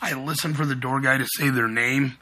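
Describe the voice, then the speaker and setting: A man's voice: medium pitch, fairly quick. A man telling his scare-actor stories in casual chat and acting out the people he quotes. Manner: animated storyteller who acts out the people he quotes. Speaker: guest who works as a haunted attraction scare actor.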